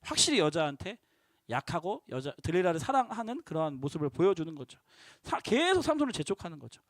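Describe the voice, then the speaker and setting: A man's voice: on the high side, sing-song, fast talker, no room sound, studio quality. A male youth pastor preaching a sermon in a playful, joking storytelling manner.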